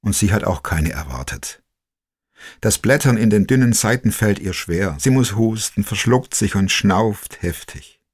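A man narrating a personal story in the first person, slow, quiet and reflective. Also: lowish voice, lively intonation, breathy edge.

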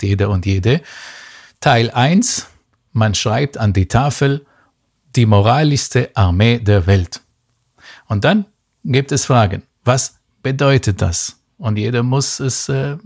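A man from Israel with a fairly low voice talks through a question slowly and carefully. He often pauses on fillers and restarts his sentences. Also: darkish tone. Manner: thoughtful, measured, many fillers and restarts. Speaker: guest expert. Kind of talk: explanatory podcast talk.

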